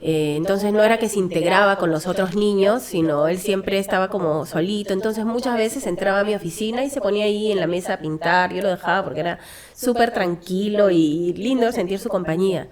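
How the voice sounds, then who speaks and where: A Peruvian woman who founded a children's hospice tells a story as an interview guest, speaking earnestly and reflectively in a Peruvian Spanish accent. Her mid-range voice moves a little fast with frequent fillers and restarts, and a crowd can be heard behind her.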